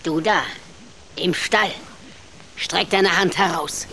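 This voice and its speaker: A woman's voice: on the low side, takes it slowly, noisy background. An actress playing a cruel, greedy, half-blind old witch in a radio play, cackling and taunting, sometimes dropping to sly whispers.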